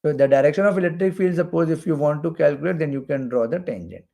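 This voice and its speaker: An Indian man who teaches physics for exam preparation talks quickly and animatedly in a fairly high, mellow yet gravelly voice. While drawing diagrams in his explanatory lecture, he repeats phrases to drive points home.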